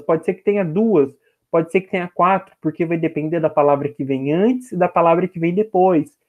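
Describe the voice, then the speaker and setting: High-voiced man teaching a literature class. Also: darkish tone. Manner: patient, explanatory, checks in with "tá?"; reads verses slowly, stretching syllables. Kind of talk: online class lecture.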